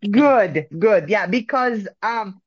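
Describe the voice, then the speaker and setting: A woman from Bosnia, speaking in a halting way with many pauses and fillers as a caller in a phone-in discussion. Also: medium pitch, animated, breathy edge, dry recording. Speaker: caller sharing experience. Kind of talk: casual phone-in talk. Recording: muffled lo-fi line.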